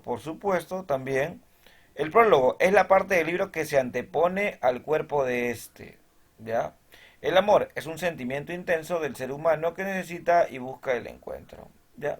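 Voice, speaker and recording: A male teacher whose voice sits high records a lesson in which he goes through ideas step by step. Almost every point is followed by a check-in with his students, and he reads definitions straight from the text.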